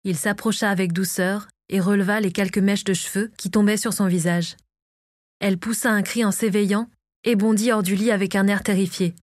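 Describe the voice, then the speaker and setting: Calm woman narrating an audiobook. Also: mid-range voice, fairly quick, dry recording, clean studio sound. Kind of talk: scripted narration of a fantasy novel.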